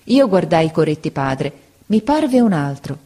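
A woman's voice: low voice, unhurried. Woman narrating an audiobook expressively. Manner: expressive, vivid reading. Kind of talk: scripted narration.

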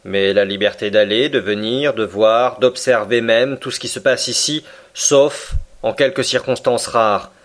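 A man voicing a cold, stern middle-aged submarine captain who speaks in a measured, unyielding way, in an audiobook reading. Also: medium pitch, lightly acted.

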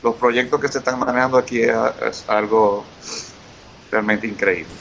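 A man from Venezuela chats as a casual interview guest, effusive and eager, repeating himself often in his Venezuelan Spanish accent. His mid-range voice is fairly bright with vocal fry, fairly even intonation and a moderate pace, recorded lo-fi with a faint hiss.

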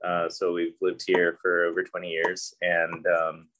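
A man's voice: deep voice, a little slow, slight background noise. A man from Puerto Rico, a musician guest, talking loosely with many fillers over a video call. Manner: relaxed, rambling, many fillers.

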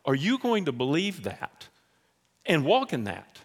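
A man preaching a sermon in a church in a conversational, animated way, acting out dialogue. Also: on the high side, a little slow, breathy edge. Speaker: pastor.

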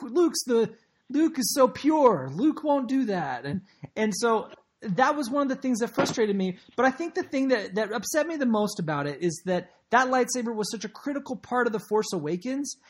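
A male podcast co-host talks in a husky, slightly breathy voice. He tells his stories in an excitable, emphatic way. His casual chat comes through a remote call connection. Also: high voice.

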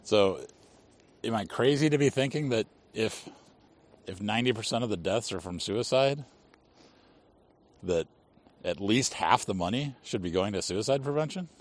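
A man's voice: lowish voice, lively intonation, moderate pace, long pauses. A man hosting a casual conversation, pressing his case with rhetorical questions.

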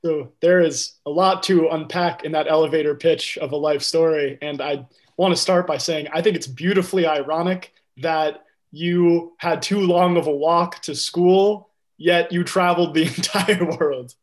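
A male podcast host with a fairly high voice leads a casual interview. He asks questions in an upbeat, enthusiastic way and keeps the talk moving. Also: steady tone, moderate pace, hardly any pauses.

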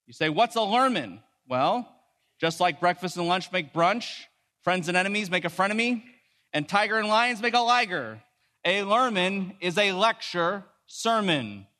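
A man giving a lecture-style sermon, talking quickly and posing rhetorical questions. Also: expressive, sharp tone. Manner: low, solemn prayer. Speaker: preacher. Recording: reverberant hall sound.

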